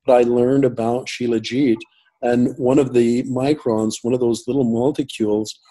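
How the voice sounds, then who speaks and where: A man's voice: medium pitch, steady tone, moderate pace, dark tone, low-quality recording. A man telling a long personal story as an interview guest over a call, rambling with many fillers and restarts. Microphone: call audio.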